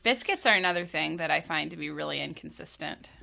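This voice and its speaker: A woman's voice: deep voice, quick pace, gravelly, sharp tone. A woman from North Carolina in casual conversation, talking thoughtfully with many fillers and restarts. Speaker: conversation partner. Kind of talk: casual chat.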